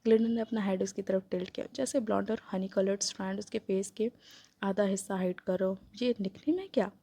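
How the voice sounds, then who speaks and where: A woman's voice: mid-range voice, flat delivery, brisk, mellow. A woman narrating a romance novel as a casual storytelling recap, mixing in English words.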